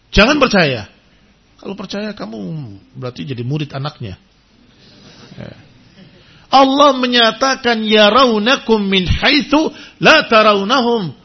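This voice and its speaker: A man preaching in a religious study lecture, talking emphatically and building to forceful points. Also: sits high. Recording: dull lo-fi lecture recording.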